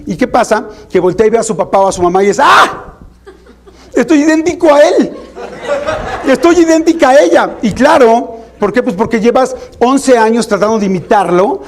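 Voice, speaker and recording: A man with a Mexican accent, a parent himself, giving an informal, animated talk to parents about teenagers. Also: brisk. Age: adult parent. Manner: animated, acts out parents and teens in higher voices. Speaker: parenting speaker.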